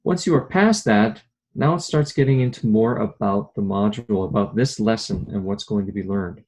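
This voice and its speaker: Calm man explaining on a video call. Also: fairly low pitch, moderate pace, slightly rough, rough recording. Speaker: club presenter. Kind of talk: screen-share walkthrough on a video call.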